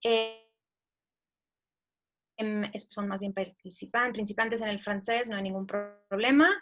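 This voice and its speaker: A woman's voice: medium pitch, steady tone, measured pace, fairly bright tone, faint music behind. A woman hosting an online class, introducing the teacher and encouraging the viewers. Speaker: session host.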